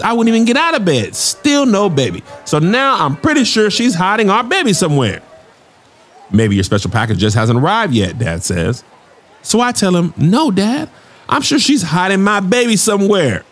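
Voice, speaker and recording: An actor playing a cheeky young salesman and comedian who cracks jokes in a fast stand-up patter. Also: high-pitched, huge pitch swings, faint music behind, heavily acted. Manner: wisecracking stand-up patter with sudden shouts. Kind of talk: comedic audio drama acting.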